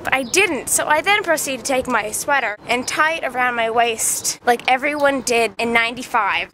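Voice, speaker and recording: Stuffed up with a cold, a female video creator chats animatedly as she walks city streets, holding a handheld camera close. Her fairly high voice carries chatty storytelling with acted-out quotes in a rambling walk-and-talk vlog, over outdoor street noise and passing traffic.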